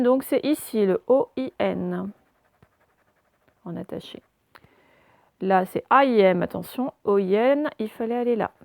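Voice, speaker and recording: A woman's voice: mid-range voice, gravelly, a little mellow, no room sound. Patient woman teaching phonics. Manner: patient, spells out letters slowly. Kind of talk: phonics lesson for children.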